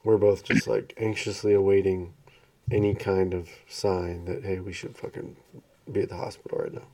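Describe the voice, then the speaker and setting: A man's voice: low-pitched, little pitch movement, moderate pace, darkish tone, no room sound, far from the mic. A man in a laid-back casual chat, speaking candidly and swearing now and then.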